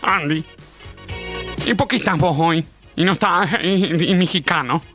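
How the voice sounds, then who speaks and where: A man doing a petulant columnist, high-voiced and pompous, music behind. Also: unhurried, bright, forceful tone. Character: petulant, self-important male radio columnist.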